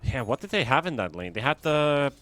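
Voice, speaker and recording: A man commentates an esports match live, play by play, sounding under the weather. His voice sits at a middling pitch. Noisy game sound effects are clearly heard behind him. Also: very animated, a little fast, a bit bright.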